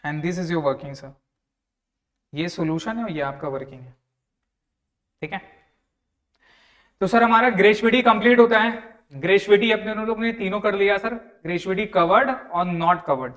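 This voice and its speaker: A young tax tutor teaching online has a slightly high, fairly bright voice and a moderate pace broken by long pauses. He talks through the working conversationally, repeating each figure and calling his students "sir."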